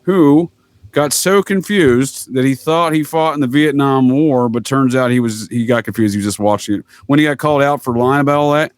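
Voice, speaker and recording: Mid-range in voice and moderate in pace, a man rambles through casual stories as a podcast guest, keeping up a mock-formal tone and addressing the listener as "sir." There's no echo on the recording.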